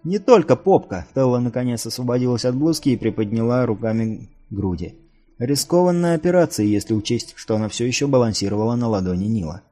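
A man narrating a fantasy novel as an audiobook reader, in a measured storytelling manner. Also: medium pitch, dark tone.

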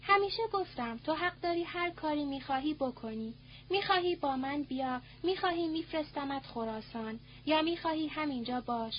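A woman reading the lines of a stubborn young male servant in an audiobook, quiet and earnest, on a muffled recording with a faint hum. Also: high-pitched, lightly acted. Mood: resolved. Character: young Zoroastrian man, weary servant, stubborn.

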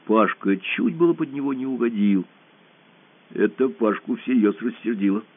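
A man reading a children's storybook aloud in a lively, expressive way, heard over a narrow phone-like band. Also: medium pitch, moderate pace. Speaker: narrator.

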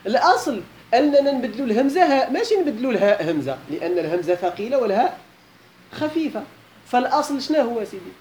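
A man's voice: extremely high pitch, big pitch swings, fast, darkish tone, a little hiss or hum. A man with a Moroccan accent teaching a classical Arabic grammar lesson, posing questions to his students and repeating key points, with colloquial asides.

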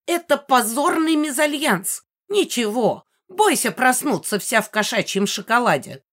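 A woman's voice: sits high, lively intonation, moderate pace, voice pushed up. A woman reading an audiobook, voicing a spiteful old female ghost who screeches and cackles threats. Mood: screaming. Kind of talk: audiobook character voice.

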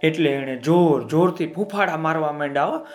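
A man telling a children's story in an expressive, lively way, asking his listeners questions. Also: a little high, normal speed, faint music behind.

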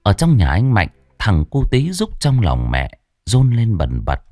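A man narrating a village horror story in a dramatic reading style, slowing down for suspense. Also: lowish voice, huge pitch swings, mellow, soft background music. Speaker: audiobook narrator.

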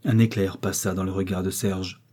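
Male audiobook narrator, low, dark and husky, measured. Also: little pitch movement. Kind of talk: scripted narration.

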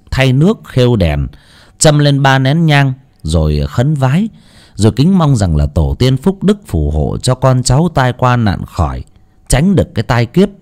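Expressive male story narrator. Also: medium pitch, measured pace. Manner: expressive, dramatic reading. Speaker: audiobook narrator.

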